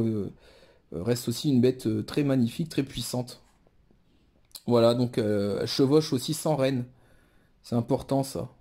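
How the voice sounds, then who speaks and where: With a mellow, medium-pitched voice, a man casually shows off a tarot deck card by card. He muses aloud in show-and-tell fashion, full of fillers and restarts.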